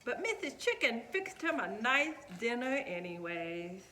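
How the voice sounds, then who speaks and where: Animated, high-voiced woman storyteller. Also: a little slow. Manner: expressive, emphatic storyteller delivery. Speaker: puppet storytime host and narrator. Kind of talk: children's story narration.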